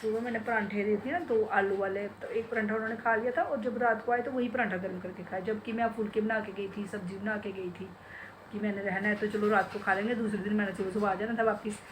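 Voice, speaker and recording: A woman's voice: mid-range voice, steady tone, fast, a little hiss or hum. A middle-aged woman, a home vlogger who coos baby talk to her pet bird and chats casually with viewers from home. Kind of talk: casual home vlog chat. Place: home, bedroom and kitchen.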